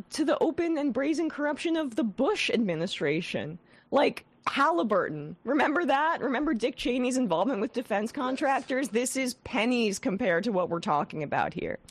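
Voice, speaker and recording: The host of a political talk show, a woman with a head cold, talks at a moderate pace in a voice on the high side, touched by vocal fry. She comes across as scathing and animated, with many restarts.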